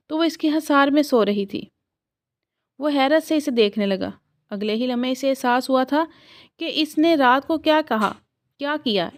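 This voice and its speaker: A woman narrating a romance story in a steady, scripted storytelling read. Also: sits high.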